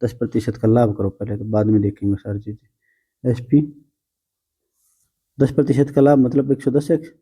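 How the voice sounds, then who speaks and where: Guy teaching math to students, calls em beta, teases a bit, deep dark kinda husky voice. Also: flat delivery, moderate pace, pauses often. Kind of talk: blackboard math lesson.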